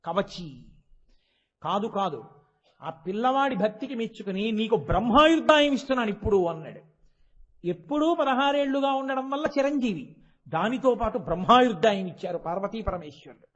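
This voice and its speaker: A man's voice: high-pitched, expressive, normal speed, pauses often, highs cut off. A man giving a devotional discourse, telling a sacred story with emphasis and briefly voicing its characters. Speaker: religious discourse speaker.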